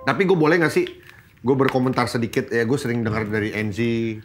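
A man's voice: mid-range voice, animated, fairly quick, faint music behind. A man with a Jakarta slang accent co-hosting a podcast, chatty and emphatic in casual chat. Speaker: podcast co-host.

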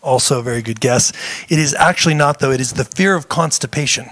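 A man's voice: medium pitch, fast, fairly bright tone, no echo. A man co-hosting a talk show, playfully reading out trivia questions and repeating them with laughs. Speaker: co-host. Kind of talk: casual chat, quiz questions.

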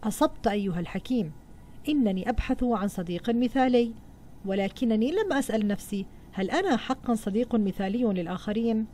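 A woman's voice: a little high, animated, fast talker, few pauses, darkish tone, slight background noise, natural voice. A woman teacher voicing a proud, demanding chief merchant who questions a sage, in a read-aloud storybook lesson. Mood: reflective. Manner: questioning, impatient.

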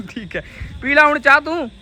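Man, very high bright voice, excitable teasing vlog banter. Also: normal speed. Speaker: vlogger filming a group road trip. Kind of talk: casual, bantering vlog chat. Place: outdoors at a roadside stop with traffic.

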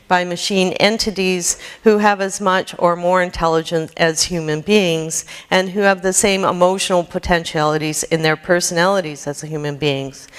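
Female keynote lecturer, lowish, smooth voice, measured reading, reverberant hall. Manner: measured reading with occasional slips and restarts. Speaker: keynote speaker. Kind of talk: academic lecture reading prepared text. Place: lecture hall with projected slides.

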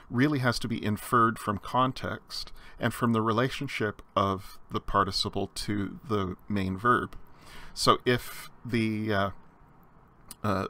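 A man's voice: fairly low pitch, bright, forceful tone. A man giving a recorded slide lecture on Greek grammar, explaining step by step with frequent fillers and restarts.

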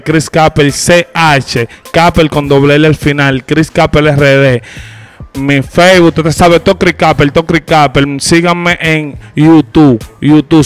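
A man's voice: fairly high pitch, clear, resonant tone. A young man with a Dominican accent, an urban music artist talking casually in an interview on a handheld mic, full of street slang. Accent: Dominican Spanish. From Dominican Republic. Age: young adult. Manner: streetwise slang, quick asides and laughs. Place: lounge bar set indoors.

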